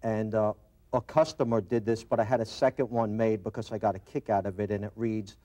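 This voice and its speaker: Wearing a lapel mic in an indoor TV studio, a middle-aged Brooklyn-born company owner speaks conversationally with a Brooklyn accent during an interview. His pitch is fairly low, his tone steady and mellow, and his pace brisk.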